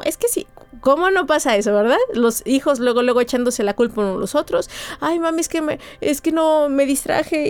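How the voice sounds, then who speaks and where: A woman, explaining a concept in an expressive way and illustrating it with personal examples. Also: on the high side, clear, resonant tone. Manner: expressive, acts out quoted voices. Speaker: speaker explaining relationship psychology.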